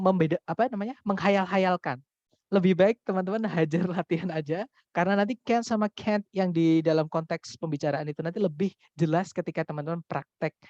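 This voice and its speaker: A man's voice: high voice, darkish tone, no echo. A man teaching an English test-prep class online, reading out student questions and explaining casually. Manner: explains casually, answers students' chat questions read aloud. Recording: dull dry recording.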